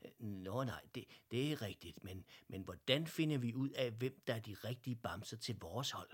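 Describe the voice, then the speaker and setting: A man's voice: mid-range voice, expressive, breathy edge. Man doing a timid, stammering teddy bear. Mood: hesitant, puzzled. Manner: hesitant, stammering.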